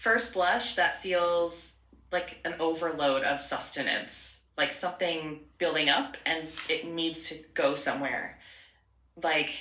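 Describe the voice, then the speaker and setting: A synthetic woman's voice as an AI assistant, replying conversationally in a measured, concise, reflective way. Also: low voice, pushed and bright. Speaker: AI chatbot voice assistant. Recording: echoey playback in a room.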